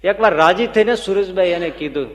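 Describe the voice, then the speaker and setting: A man giving a devotional sermon as a swami, telling stories with animated emphasis. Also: high-pitched, a little fast. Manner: animated storytelling, rising with emphasis. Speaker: swami preacher. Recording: echoey hall, dull lo-fi sound.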